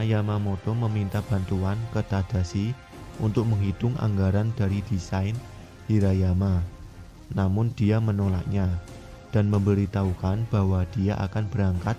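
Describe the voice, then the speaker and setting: Male storyteller for recap narration: low, mellow, little inflection, music underneath. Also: little pitch movement, normal speed.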